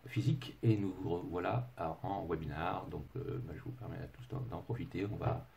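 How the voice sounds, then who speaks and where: A man's voice: low voice, steady tone, moderate pace, gravelly, dark tone, a little hiss or hum. A middle-aged man with an English accent, speaking French as a second language, gives a webinar presentation as a consultant. He talks hesitantly, with many filler sounds and restarts, and slips in dry, self-mocking humor. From England.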